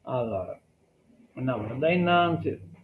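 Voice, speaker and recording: A man's voice: medium pitch, expressive, unhurried, a little hiss or hum. A man hosting a casual live-stream news review, reading items aloud with asides and fillers. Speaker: host reading and commenting on the news. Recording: echoey, phone-like live stream audio.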